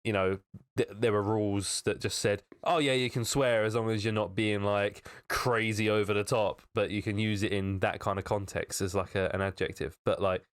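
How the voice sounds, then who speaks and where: A man's voice: lowish voice, fairly even intonation, normal speed, clear, resonant tone. A man co-hosting a podcast, chatty and rambling, laughing often. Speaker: podcast co-host. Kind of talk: casual chat.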